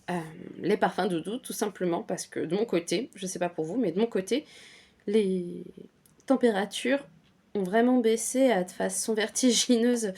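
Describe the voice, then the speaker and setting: A woman talks about perfumes in a relaxed vlog, her voice at a middling pitch. She rambles in a friendly way, fills pauses with hesitations, and often restarts her sentences. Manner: chatty, with many fillers and restarts. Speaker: perfume vlogger. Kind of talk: casual chat.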